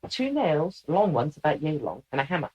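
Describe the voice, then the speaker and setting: A woman moderating a channeling session, brisk and joking with the sitters. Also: deep voice, big pitch swings, a little mellow, slightly rough, muffled recording. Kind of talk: channeling session, casual chat.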